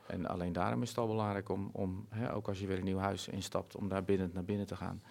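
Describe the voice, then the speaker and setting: Earnest, low-voiced Dutch-speaking man. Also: little pitch movement, fast, creaky, darkish tone. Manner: earnest, reflective, many fillers and restarts. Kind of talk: conversational interview.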